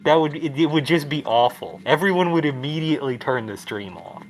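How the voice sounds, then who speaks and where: A man's voice: a little high, expressive, a little fast, slight background noise. A young man co-hosting a casual game stream, sarcastic and profane, rambling through banter. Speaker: streamer co-host. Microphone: headset.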